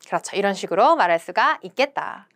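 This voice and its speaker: A woman teaching French travel phrases, repeating each example slowly and clearly, then explaining in a brisk, lively way. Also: medium pitch. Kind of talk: language lesson with slow repeated example phrases.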